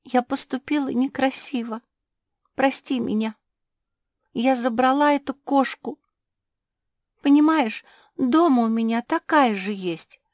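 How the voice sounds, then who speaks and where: A woman's voice: sits high, a little slow, long pauses, darkish tone, no room sound, clean studio sound, pitched above the performer's own voice. A woman voicing a timid young female spitz dog in a children's audiobook, speaking in a trembling, tearful way. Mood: apologetic.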